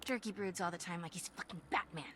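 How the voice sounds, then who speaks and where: A woman's voice: lowish voice, quick pace, background noise, lightly acted. A woman playing a forcedly cheerful, needling wife in a video game, chirpy and folksy. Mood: strained, needling. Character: forcedly cheerful, bickering wife, sharp-tongued and sweet.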